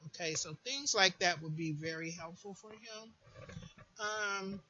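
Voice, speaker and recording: A woman hosting gives informal spoken advice in an emphatic way, repeating words for stress, in a mid-range, bright, forceful voice at a measured pace. The lo-fi recording has faint background noise, and her voice becomes distorted late in the clip.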